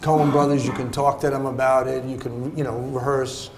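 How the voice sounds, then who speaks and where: A man, an actor giving a master class, telling anecdotes in an animated, laughing way with many fillers. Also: medium pitch, normal speed, a little hiss or hum. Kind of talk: anecdotal storytelling interview. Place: festival venue hall. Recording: roomy hall, faint ambience.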